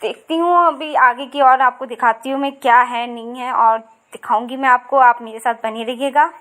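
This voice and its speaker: A woman's voice: on the high side, fairly even intonation, moderate pace, fairly bright tone. A woman in her thirties chatting casually as she narrates her vlog, rambling and repeating herself with many fillers. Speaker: vlogger.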